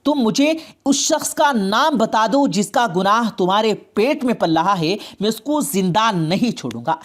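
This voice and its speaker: Woman doing a stern angry dad in a story, harsh and threatening, pitch jumps around a lot. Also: expressive, natural voice. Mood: furious. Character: stern middle-aged father, furious over honor.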